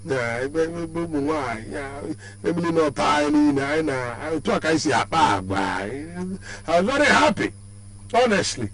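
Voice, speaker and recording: A Nigerian man with a baritone voice hosts a radio sports show, animated and effusive, drifting into a sing-song lilt. His voice sits a touch higher than most men's. The radio stream carries a faint hum. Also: moderate pace, rough recording. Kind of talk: lively sports radio presenting. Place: radio studio.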